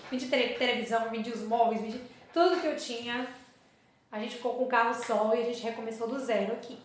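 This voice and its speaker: A woman's voice: a little high, fairly even intonation, fast talker, a little hiss or hum. A woman from Salvador, a dentist chatting as an interview guest who acts out her own past remarks. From Salvador, Bahia, Brazil. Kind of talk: casual interview storytelling. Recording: very echoey room.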